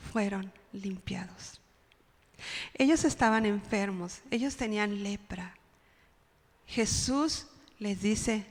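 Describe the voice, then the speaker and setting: A woman preaching a sermon in church, with dramatic cries when she quotes pleas and many rhetorical questions. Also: medium pitch. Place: church sanctuary. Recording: long hall reverb.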